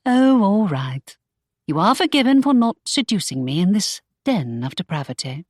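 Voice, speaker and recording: A woman narrator voicing a spirited, earnest young gentlewoman in love, bright and playful. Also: medium pitch, very animated, moderate pace, dry recording, clean studio sound.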